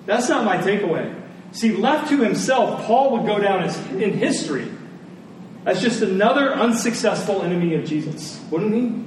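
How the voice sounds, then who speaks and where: In a high, expressive voice at normal speed, a middle-aged man preaches conversationally, asking his listeners rhetorical questions. Faint noise, a distant mic, and heavy room echo mark the recording.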